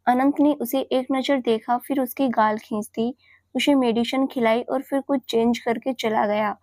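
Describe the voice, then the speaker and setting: A woman narrates a romantic serial story in an even, unhurried way. Her voice sits a bit high and sounds dry and close, with no echo. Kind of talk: scripted audio-story narration.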